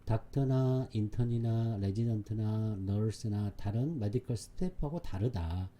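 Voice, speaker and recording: Warm and lowish, a man's voice moves at a measured pace, with slight background noise. He's giving an exam-prep lecture on an English reading passage, emphatically repeating key words and regularly checking his students' understanding.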